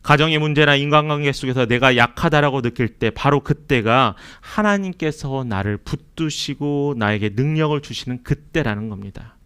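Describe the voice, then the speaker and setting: Clear-voiced male pastor preaching. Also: mid-range voice, a bit bright. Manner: earnest preaching, asks the congregation questions, acts out quotes. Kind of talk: sermon. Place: church sanctuary.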